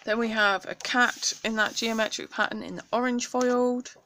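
A woman's voice: on the high side, steady tone, normal speed, pushed and bright. A young woman from the UK with a British accent, chatting through a craft haul at home, enthusiastic and sprinkled with ums. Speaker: craft vlogger. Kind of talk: casual craft haul show-and-tell.

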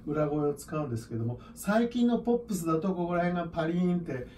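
A man's voice: fairly high pitch, fast, warm tone, far from the mic, slight background noise. A man teaching a singing lesson, counting in and singing scales along with a piano. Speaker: vocal coach.

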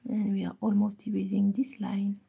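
Husky-voiced woman coloring live. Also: medium pitch, monotone, normal speed, muffled recording. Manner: switches between French and English, repeating each step; soft, murmured while concentrating on coloring. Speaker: live coloring stream host. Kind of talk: bilingual live coloring tutorial, reading chat.

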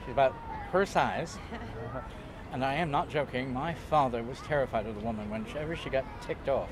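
An older man tells stories casually on a waterfront pier, speaking in a mid-range voice at a moderate pace. As an interviewee he's chatty, theatrical and jokey, with bursts of loud laughter, while outdoor street noise carries on behind him.

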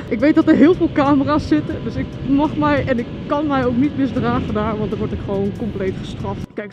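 Chatty woman vlogging from a scooter. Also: on the high side. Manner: chatty and excitable, talking to viewers. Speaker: motovlogger. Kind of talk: casual chat while riding. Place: outdoors in city traffic on a scooter. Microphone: helmet mic. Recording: dull lo-fi helmet audio with music. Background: music.

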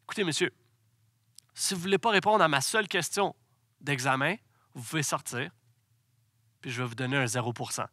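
A man voicing a calm, stern older male professor who speaks in a measured, firm way. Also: medium pitch, no echo, studio quality, pitched below the performer's own voice.

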